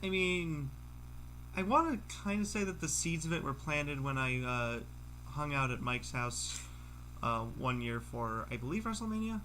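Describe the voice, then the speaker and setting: A young man chatting casually as a podcast guest, halting and rambling, often repeating his phrases. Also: on the high side, lively intonation, bright, forceful tone, slight background noise, rough recording. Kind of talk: casual chat among friends.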